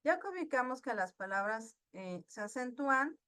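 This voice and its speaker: A woman's voice: fairly high pitch, sing-song, moderate pace, pushed and bright. A woman teaching an online class, patiently asking her students questions and praising their answers. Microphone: video call.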